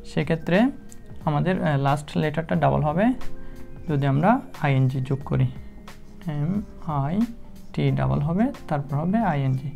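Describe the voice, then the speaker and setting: A woman teaching English spelling rules, slow and methodical, spelling words out letter by letter with frequent hesitations. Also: deep voice, creaky, mellow, faint music behind. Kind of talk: spelling lesson explained in Bengali.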